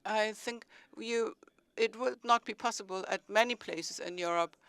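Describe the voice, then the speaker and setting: German-accented man, measured panel talk. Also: high-pitched, bright, forceful tone, smooth, no echo. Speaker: city mayor on a panel.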